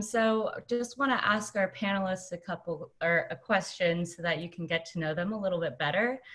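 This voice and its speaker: A woman's voice: lowish voice, fairly bright tone. Upbeat woman moderating a panel. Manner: upbeat, welcoming. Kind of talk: hosting a live online panel. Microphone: video call.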